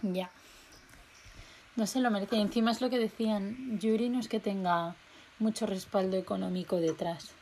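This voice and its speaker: A young woman, co-hosting a podcast in casual, excitable chat and laughing often. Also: medium pitch, normal speed, slight background noise. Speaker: podcast co-host.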